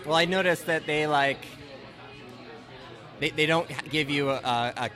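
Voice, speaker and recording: A podcast host from Ontario, Canada, chats casually in a conversational interview, rambling with lots of restarts and "right?" tags. His voice is a little high and sharp in tone, and he speaks unhurriedly. A faint crowd is audible.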